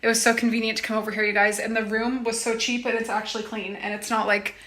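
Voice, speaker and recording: A woman's voice: fairly high pitch, flat delivery, fast, fairly bright tone, dry recording. Tired, chatty young woman vlogging. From United States. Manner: chatty, tired and rambling, many fillers and restarts. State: exhausted. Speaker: travel vlogger. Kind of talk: casual travel vlog.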